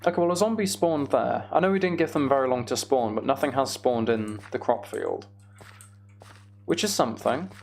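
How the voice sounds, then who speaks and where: Medium in pitch and somewhat dark in tone, a livestream host chats casually with viewers during a live gaming stream while muttering step-by-step self-narration of his task. Clear background noise includes computer keyboard typing and clicking.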